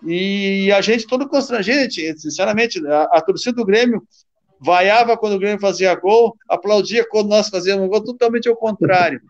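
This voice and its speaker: A former football player from southern Brazil telling stories in casual chat, halting and repeating words. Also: male voice, high-pitched. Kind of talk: casual storytelling on a call. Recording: dull lo-fi call audio.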